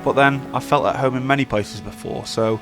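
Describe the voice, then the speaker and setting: A young man narrating a documentary in a calm, measured, reflective way. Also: medium pitch. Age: young adult. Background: music.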